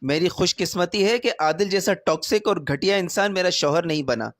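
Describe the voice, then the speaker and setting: A proud young wife fires back shouted, cutting retorts, as a male narrator plays her, pushing high and loud. The recording is dry and close. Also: animated, no room sound, natural voice. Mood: furious. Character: young wife, proud and sharp-tongued when provoked.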